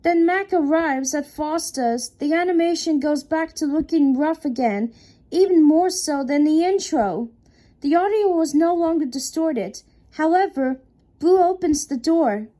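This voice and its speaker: Woman narrator, horror story read-out, slow and mellow, stumbles and restarts a lot. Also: sits high. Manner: slow, halting, frequent restarts. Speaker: creepypasta narrator. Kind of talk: unscripted horror story reading.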